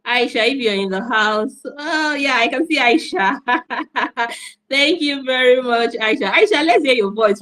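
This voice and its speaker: A woman's voice: a little high, a bit bright, poor audio. A woman from Nigeria, hosting an online event in an enthusiastic, repetitive, encouraging way over a video call. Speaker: host and moderator.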